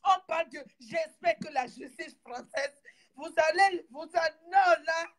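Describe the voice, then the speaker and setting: A furious, indignant woman addressing her viewers in an angry monologue, shouting and repeating herself, near tears. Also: very high voice, measured pace. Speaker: online commentator.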